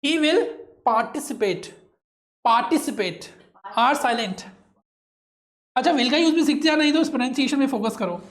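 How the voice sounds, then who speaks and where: A man teaching English grammar with an Indian English accent, drilling words slowly and asking the class to repeat them. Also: extremely high pitch, animated, a bit bright. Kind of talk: classroom lesson, call and response.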